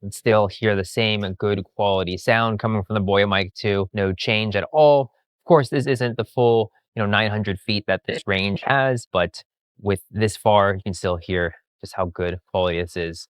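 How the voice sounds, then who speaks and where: A man's voice: on the low side, normal speed, smooth, no room sound. A man reviewing gear out on a busy street, talking through a clip-on wireless mic with AI noise reduction switched on. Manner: upbeat, repeats "you can hear". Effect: AI noise reduction processing. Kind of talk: product demo walkthrough. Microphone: clip-on wireless lapel mic.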